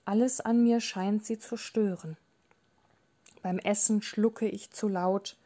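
A woman's voice: mid-range voice, dark tone, natural voice. A woman reading the lines of an angry, distraught young father in an audiobook, in a bitter, accusing tone.

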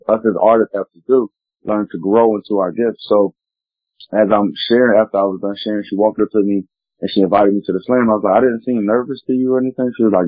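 A man's voice: on the low side, no echo. A man telling his personal story as an interview guest, in an earnest, meandering, reflective way. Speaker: guest, spoken word poet. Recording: tinny phone-like line, dry.

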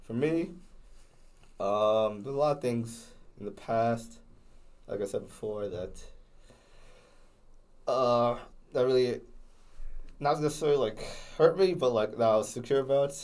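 A man's voice: medium pitch, lively intonation, measured pace, long pauses. A young man with a slight lisp, chatting casually as a podcast co-host, rambling with many restarts and fillers. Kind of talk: casual chat.

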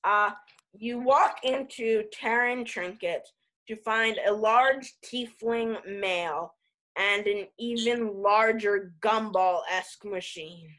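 A woman acting as game master, narrating a tabletop game casually in a halting, improvised way. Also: medium pitch, fairly bright tone, rough recording.

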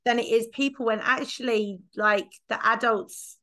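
A woman's voice: on the high side, steady tone, unhurried, pushed and bright. A woman hosting a podcast and chatting casually as a dog trainer, self-deprecating and laughing often. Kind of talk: casual conversational chat.

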